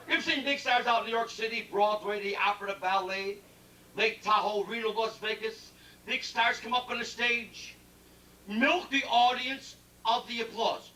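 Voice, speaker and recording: High-voiced man doing brash stand-up. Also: pushed and bright. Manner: brash rapid-fire joke telling, teasing the crowd. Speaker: stand-up comedian. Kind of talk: stand-up comedy routine. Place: ship's cabaret lounge with live band. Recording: echoey lounge recording from far off with band music.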